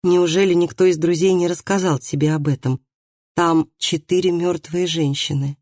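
A reader voicing a kind, reassuring male village doctor in an audiobook, speaking calmly and gently. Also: mid-range voice, normal speed, no room sound, clean studio sound, natural voice. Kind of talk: audiobook dialogue reading.

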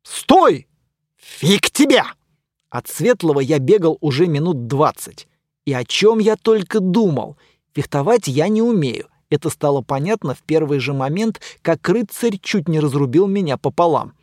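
A man reading a first-person fantasy audiobook in a wry, deadpan manner. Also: a little high, normal speed, no room sound, clean studio sound. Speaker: audiobook narrator.

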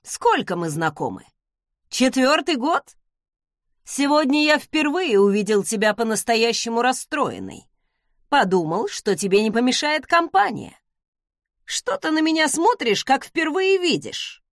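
A woman's voice: high voice, very animated, unhurried, no echo, clean studio sound, full character voice. A woman reading the lines of a smug, charming young male academy student who teases with ironic remarks. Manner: teasing, ironic.

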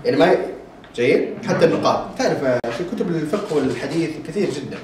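Male teacher, somewhat high voice, chants verses and checks in with students, echoey room, mic at a distance. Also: expressive, a little mellow, a little hiss or hum. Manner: recites verses in a measured chant, checks in with listeners. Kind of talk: recorded lesson.

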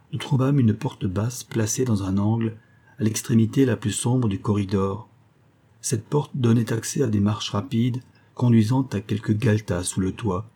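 A man reading a literary travel story as an audiobook narrator, in a measured storytelling manner. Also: on the low side, mellow, breathy edge.

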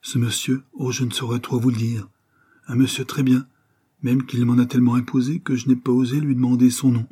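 A man reading an audiobook, voicing a voluble, kindly older woman who runs a boarding house, gushing and effusive with breathy asides. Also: medium pitch, level tone, fairly quick, warm tone, pitched above the performer's own voice, lightly acted. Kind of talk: audiobook character voice.

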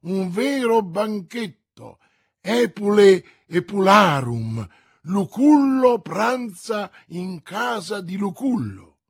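A man's voice: high voice, animated, husky, dry recording, studio quality, exaggerated voice. A man putting on a pompous stingy old lawyer. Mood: gushing. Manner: grave, slow, exclaiming. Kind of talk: audiobook reading.

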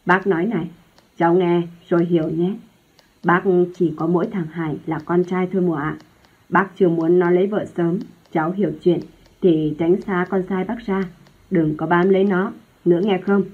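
Storybook role: a shrewish, bossy old mother, read by a woman, husky and loud, on a tinny phone-like recording. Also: fairly low pitch, fairly even intonation, normal speed. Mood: threatening. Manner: loud scolding, harsh and contemptuous. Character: sharp-tongued shrewish older mother, domineering.

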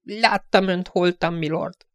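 Squeaky, ominous old soothsayer for an audiobook, thin and shrill. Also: male voice, steady tone, dry recording. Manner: murmuring, ominous. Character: thin squeaky old male fortune-teller, eerie.

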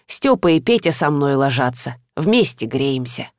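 A woman's voice: rumbling low, very animated, a little slow, dry recording, studio quality, pitched below the performer's own voice, heavily acted. Woman doing a frail old village teacher. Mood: gentle. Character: frail elderly village schoolteacher woman, kind.

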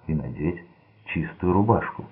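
A man voicing an unstable young gangster son who speaks in a slow, sulky, menacing way. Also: low-pitched, lively intonation, slightly rough, heavily acted. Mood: sullen. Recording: tinny lo-fi narrow-band audio.

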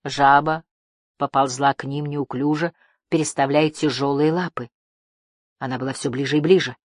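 Husky-voiced audiobook narrator, dry sound. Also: medium pitch, no echo. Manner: steady, measured storytelling. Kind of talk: scripted narration.

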